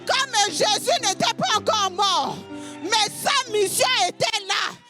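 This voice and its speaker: A woman pastor from Congo preaching a fervent sermon, repeating phrases in a half-sung shout. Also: extremely high pitch, expressive, slow pace, loud music behind the voice.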